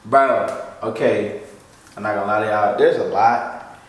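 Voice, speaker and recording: A man's voice: lowish voice, a little slow. Joking young man, echoey room. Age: 20s. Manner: joking, laid-back, says bro and y'all. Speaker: co-host answering follower questions. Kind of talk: casual chat. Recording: echoey room, mic at a distance.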